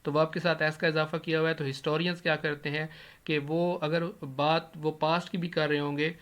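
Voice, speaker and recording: A man teaching an English grammar lesson over a screen recording, explaining step by step, asking questions and answering them himself, and slowing down to spell out his English examples. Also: on the high side, level tone, a bit bright.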